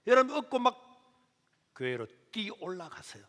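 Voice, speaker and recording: A middle-aged male pastor tells a story in an animated sermon. His voice is high and bright. It rings out in a reverberant church hall. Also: moderate pace.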